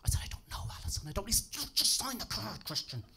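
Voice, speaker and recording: A young Irishman with a Dublin accent does stand-up on a comedy club stage, speaking into a handheld mic in a high-pitched, quick, creaky voice with a breathy edge. His delivery is dry and deadpan, peppered with self-deprecating asides.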